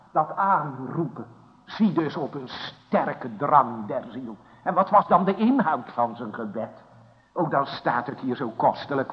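Man, preacher, sermon, unhurried, emphatic, rhetorical questions, long echo of a church hall. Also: fairly high pitch. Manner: solemn, emphatic preaching with rising and falling loudness; asks the listeners rhetorical questions. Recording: lo-fi recording with long church reverb.

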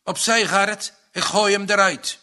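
A man voicing a furious, red-faced old farmer who shouts in rage, in a read-aloud story. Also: high voice, steady tone, unhurried, pitched above the performer's own voice. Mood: grim. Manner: shouting, raging.

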